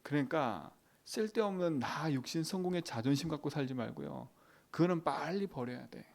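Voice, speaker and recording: A man preaching a dawn prayer sermon as pastor, asking the congregation questions, swinging from loud emphatic lines to quiet asides. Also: fairly high pitch, lively intonation, moderate pace, gravelly.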